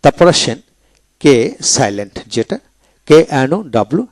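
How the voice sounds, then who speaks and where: A man teaching English pronunciation in a video lecture, spelling each word letter by letter and then repeating it slowly. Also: medium pitch, sing-song, dry recording.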